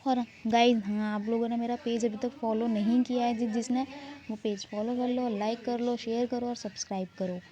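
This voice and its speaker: A woman's voice: on the high side, flat delivery, normal speed, mellow. Chatty young woman, slightly dull recording. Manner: chatty, rambling, self-mocking. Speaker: vlogger. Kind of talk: casual vlog voice-over narration. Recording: dull lo-fi sound, faint background noise.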